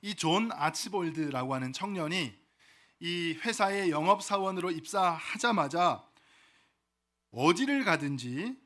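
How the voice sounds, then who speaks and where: Male pastor, animated sermon delivery, rising and falling pitch, asks the room questions. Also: a little slow.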